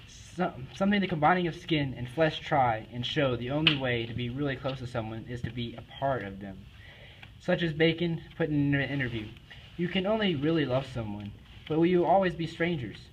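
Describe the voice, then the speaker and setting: A teenage boy reading a school report aloud, earnest and a little halting. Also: medium pitch, expressive, a little hiss or hum. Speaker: student presenter. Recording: dull lo-fi recording.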